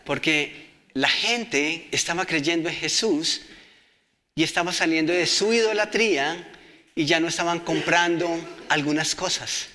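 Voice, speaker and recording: Bright-voiced preacher. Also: male voice, fairly high pitch, a little slow. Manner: reads scripture aloud and asks the congregation questions. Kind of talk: sermon.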